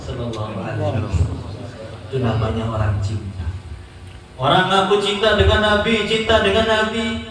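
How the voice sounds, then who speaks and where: A man preaching a sermon, his voice set high for a man. He acts out each story, jumping up and down in pitch for every speaker he quotes. The sound comes from a distance in a big, heavily echoing hall. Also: normal speed, crowd noise. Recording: echoey hall, heard from far off.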